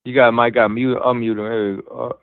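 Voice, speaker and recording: A man co-hosting a live-stream show, doing a halting mic check into a phone held away from his mouth and reading out digits. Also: medium pitch, little pitch movement, gravelly, dry recording. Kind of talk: casual live-stream chat. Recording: tinny, distant phone line.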